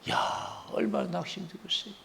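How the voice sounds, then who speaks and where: A male pastor delivers a sermon in a church sanctuary, his gravelly voice carrying a long hall reverb. He preaches emphatically, rising to loud outbursts and then sinking to hushed asides. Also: high voice, steady tone, moderate pace.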